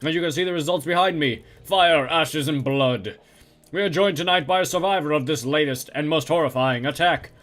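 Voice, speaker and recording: A man's voice: a little high, moderate pace, fairly bright tone, close to an everyday voice. A man voicing a male TV news reporter, delivering each line in a punchy newscaster style. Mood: urgent.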